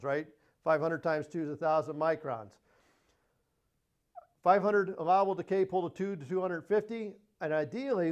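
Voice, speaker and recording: Male instructor, higher voice, plain-spoken lecture on equipment. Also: muffled recording. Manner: plain-spoken, repeats key points. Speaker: HVAC trainer. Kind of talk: technical training presentation.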